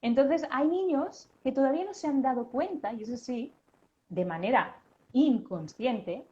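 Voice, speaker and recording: A woman's voice: high voice, lively intonation, a little slow, dark tone, dull audio. A woman speech therapist, patiently explaining child pronunciation in conversation. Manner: patient, explains with sound examples.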